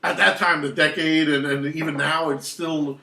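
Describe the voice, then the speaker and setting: A man's voice: fairly high pitch, moderate pace, vocal fry, recorded from a distance. A man, telling rambling film stories in casual chat, full of restarts. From New York. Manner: rambling, animated storytelling with many restarts. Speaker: podcast host. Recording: roomy echo, off-mic.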